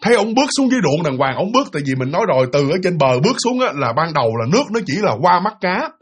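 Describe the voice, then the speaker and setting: A man narrating a ghost story, animated and speaking directly to his listeners. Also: a little high, racing, breathy edge.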